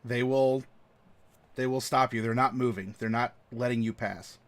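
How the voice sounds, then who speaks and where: A man's voice: mid-range voice, steady tone, moderate pace. A man running a tabletop game as game master, narrating with frequent stammers and laughs. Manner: stammering, laughing often between lines.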